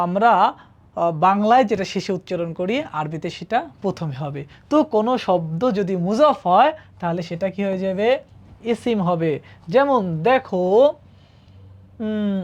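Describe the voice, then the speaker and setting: The audio is dull, carrying a medium-pitched female voice. She patiently runs a classroom-style Arabic grammar lesson, quizzing students and checking in with "ঠিক আছে?".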